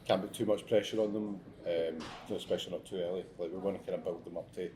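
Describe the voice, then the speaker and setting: A man's voice: sits low, fast talker, background noise. A Scottish man, a chef who teaches students, speaking steadily and plainly in an interview. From Scotland. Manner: steady, plain-spoken, with some restarts. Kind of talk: casual interview chat. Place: restaurant.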